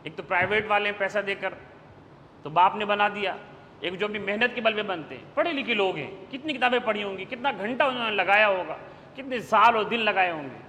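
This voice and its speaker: A man preaching a sermon with forceful exhortation, now and then reciting verses in Arabic. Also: high-pitched. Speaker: maulana preacher. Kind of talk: Urdu sermon. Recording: hall reverb with faint background noise.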